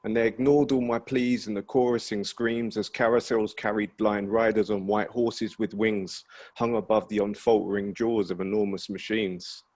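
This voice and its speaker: A man who is a nervous spoken word poet at an online open mic, speaking in a slightly husky voice. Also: fairly low pitch, a little mellow. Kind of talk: spoken word poetry and casual chat between poems. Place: online virtual open mic over video call.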